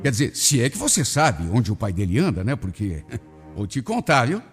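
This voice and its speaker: A man's voice: mid-range voice, huge pitch swings, moderate pace, long reverb tail, faint music behind, pitched below the performer's own voice. A man doing a sneering, coarse husband. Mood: scornful. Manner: mocking and dismissive. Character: scornful, coarse middle-aged stepfather husband.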